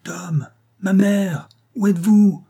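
A man's voice: sits high, steady tone, takes it slowly, mellow, breathy edge, pitched above the performer's own voice, heavily acted. A man voicing a desperate young woman calling out for help during a flood, in a raised, urgent voice. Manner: urgent, crying out.

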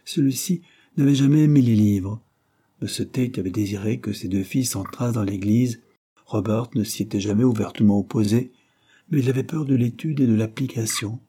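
A man reading a classic novel aloud as an audiobook narrator, with a steady, even delivery. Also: on the low side, brisk, slightly rough.

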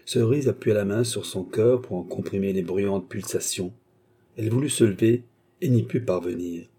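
A man reading a novel aloud as narrator, dramatic and expressive. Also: fairly low pitch, normal speed, husky.

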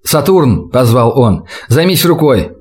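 A man voicing a calm, practical male soldier with a brisk, dry manner in an audiobook. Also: mid-range voice. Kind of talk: audiobook character voice.

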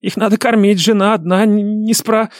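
Audiobook captive: a man playing a high-voiced, bleating, groveling coward. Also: brisk, vocal fry, no echo, clean studio sound, exaggerated voice. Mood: frantic.

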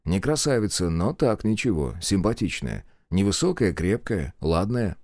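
A man narrating an audiobook in an expressive storytelling manner. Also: deep voice, normal speed, no echo, studio quality. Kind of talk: scripted narration.

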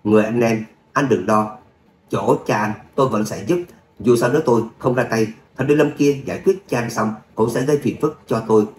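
A man voicing an arrogant, calm young heir in a roomy recording, speaking in a smug, unhurried way. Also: mid-range voice, natural voice. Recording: roomy echo, faint hum.

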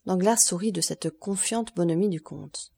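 A woman reading a classic novel aloud as audiobook narration, in an even, clearly articulated delivery. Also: on the low side, normal speed. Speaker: audiobook reader.

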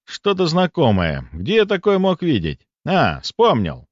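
A man's voice: fairly high pitch, huge pitch swings, measured pace, no echo, voice pushed up, exaggerated voice. A man reading an audiobook voices the first-person hero, a cool, commanding young man with a stern, ironic manner. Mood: stern, mocking. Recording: dull lo-fi dry audiobook recording.

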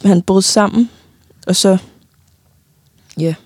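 A young woman giving a halting, personal account of loss in an interview, often pausing and restarting, sometimes tearful. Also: mid-range voice, darkish tone, breathy edge, no echo, clean studio sound. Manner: halting, many fillers and restarts, tearful at times.

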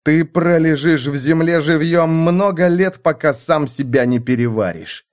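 A man's voice: on the high side, measured pace, a little mellow, voice pushed up, close to an everyday voice. A man voicing a ruthless warrior lord who speaks with cold menace and barks commands. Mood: menacing.

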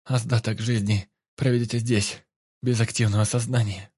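A man's voice: mid-range voice, little pitch movement, moderate pace, a little mellow, slightly rough, no echo, studio quality, natural voice. A man voicing a frightened but stubborn female scientist held hostage, with a strained, nasal voice. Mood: grim.

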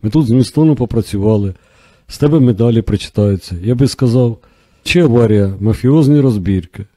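A man reading an easygoing, joking male doctor colleague in an audiobook, with relaxed, breezy banter. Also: mid-range voice, a little fast, dry recording, lightly acted.

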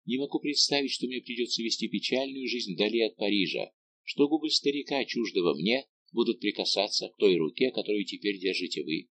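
A man's voice: fairly low pitch, animated, fairly quick, fairly bright tone. A man reading an audiobook, voicing a young noblewoman who pleads with her royal lover in a passionate, pleading way.

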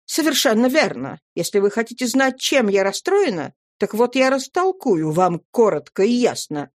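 Woman reader as a proud, reproachful high-society wife, crisp and cutting, storybook reading. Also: sing-song, moderate pace, dry recording, studio quality. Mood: haughty. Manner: reproachful, sharp. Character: haughty, nagging society wife.

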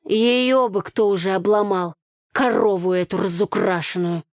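A woman's voice: fairly high pitch, lively intonation, slow pace, no room sound, clean studio sound, voice pushed up. Woman reading as a catty jealous young woman. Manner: breathy, then spiteful.

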